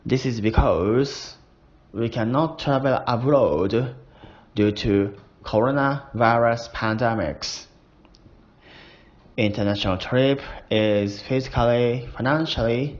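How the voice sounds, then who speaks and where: Slightly drunk and in a playful mood, a Japanese-accented man records a casual voice diary about learning the language. He talks at a medium pitch, slowly and deliberately, chuckling often, on a dull lo-fi recording.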